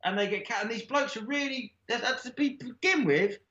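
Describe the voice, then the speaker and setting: A man's voice: very high-pitched, a little fast, dull audio. A man telling a made-up film plot in comic, rambling chat, acting out the characters. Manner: rambling, animated, breaks into laughter while acting out scenes. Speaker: podcast guest pitching made-up films. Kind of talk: comedic storytelling chat. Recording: roomy echo.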